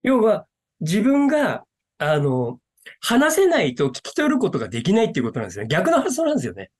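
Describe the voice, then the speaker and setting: An earnest man speaking as an interview guest. His pitch rises and falls in animated swings, and he uses many fillers as he talks. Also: brisk. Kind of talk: interview conversation.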